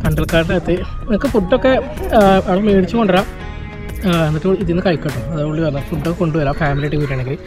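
High-voiced fast man mixing in English. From Kerala, India. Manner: Malayalam mixed with English words. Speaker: travel vlogger. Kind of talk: casual vlog narration to camera. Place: outdoors on a small boat in mangroves. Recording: music over outdoor vlog audio. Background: prominent music.

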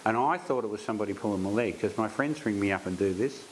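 Low-voiced painter telling stories. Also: male voice, quick pace, slight background noise, poor audio. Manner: animated anecdotes, acts out quoted voices. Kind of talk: storytelling interview.

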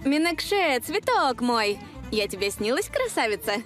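A young woman with a high, bubbly voice and a nervous, improvising air. The delivery is dubbed TV drama, with music underneath. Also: sing-song, normal speed. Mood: bubbly, evasive.

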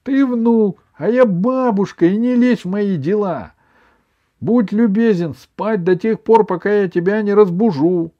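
A man voicing a fussy, bossy old grandmother who cries easily, speaking in a high, loud, indignant scolding tone. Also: measured pace, lo-fi sound.

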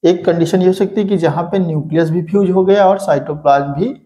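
Mellow-voiced man teaching with rhetorical questions. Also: high-pitched, quick pace, lo-fi sound. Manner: repeats rhetorical questions and answers them himself. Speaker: exam prep teacher. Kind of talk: explaining a lesson.

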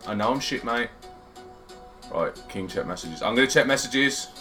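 A man streaming a football game live, talking into a headset with a bright, lively voice that jumps all over the place. He is excitable, swears freely and banters with his viewers, with faint game music behind him. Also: mid-range voice, moderate pace. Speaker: gaming streamer. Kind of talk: casual live-stream gaming chat.

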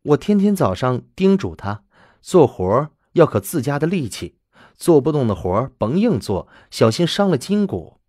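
A man voicing a timid, deferential young bride of nineteen, speaking softly and humbly. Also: mid-range voice, very animated, moderate pace, no room sound, clean studio sound, voice pushed up. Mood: eager. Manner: soft, humble, eager to please.

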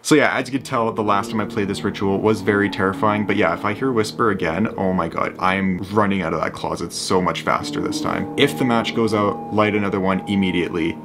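Low-voiced young man, nervous vlogger. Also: a little fast, hardly any pauses, music in the background. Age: 20s. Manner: nervous, excitable, frequent filler words. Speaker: vlogger doing a paranormal challenge. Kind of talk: casual vlog talk to camera. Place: small indoor rooms in a home basement.

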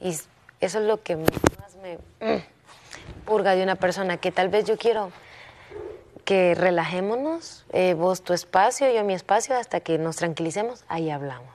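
A young woman, a contestant, telling her teacher a personal story in a soft, hesitant way, often stopping and restarting her sentences. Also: lowish voice, moderate pace. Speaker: singing competition contestant.

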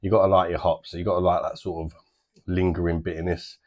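A man's voice: low-pitched, level tone, brisk, darkish tone. A man in his thirties with a British accent, casually reviewing a beer to camera from a small home bar, chatty and easygoing with plenty of fillers. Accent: British English.

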